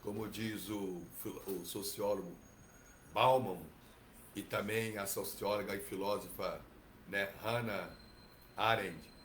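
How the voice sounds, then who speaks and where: A man with a Brazilian Portuguese accent teaching from scripture, relaxed and digressive, often adding tag questions. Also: on the low side, takes it slowly, echoey room, slight background noise. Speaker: Bhagavatam teacher. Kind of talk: reading and commentary on scripture.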